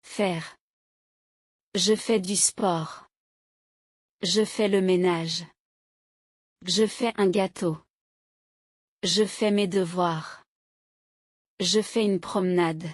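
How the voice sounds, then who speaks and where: A woman slowly reading short example sentences aloud as a language teacher, each one clearly articulated in a steady drill. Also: lowish voice, no room sound, studio quality. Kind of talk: slow, carefully paced reading of example sentences.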